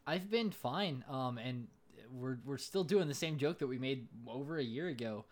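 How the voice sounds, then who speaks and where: A man of middle pitch chatting casually on a podcast. He hesitates often, circling back with ums and restarts. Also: lively intonation, normal speed. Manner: hesitant, lots of fillers and restarts. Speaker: podcast co-host.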